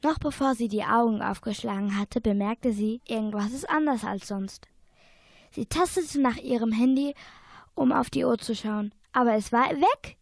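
A woman's voice: on the high side, normal speed, gravelly, dry recording. A young female narrator reading a youth radio play steadily, with small slips now and then.

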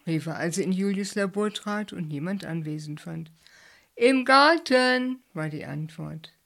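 A woman reading a short story aloud in calm, measured narration. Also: lowish voice.

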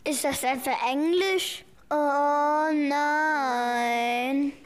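A woman's voice: high-pitched, fairly even intonation, drawn-out words. A woman playing a bossy, eager child hero in a children's radio play. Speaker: child hero who flies the helicopter.

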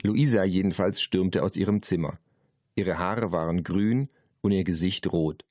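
Ein Mann liest ein Kinderhörbuch vor, lebendig erzählend und trocken pointiert. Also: male voice, sits low, measured pace, a little mellow, no echo, clean studio sound. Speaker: Hörbuchsprecher. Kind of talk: Hörbuchlesung.

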